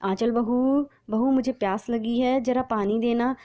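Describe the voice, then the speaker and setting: A woman's voice: mid-range voice, normal speed, close to an everyday voice. A woman voicing a blind elderly mother-in-law who calls out plaintively in a storybook narration. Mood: puzzled, calling. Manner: calling out loudly, plaintive.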